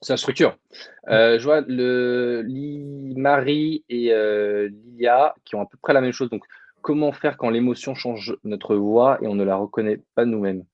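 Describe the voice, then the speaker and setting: A man's voice: medium pitch, steady tone, unhurried, no room sound, highs cut off. A man giving casual public speaking advice in a webinar, answering questions informally with many fillers. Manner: informal, addresses audience directly, many fillers.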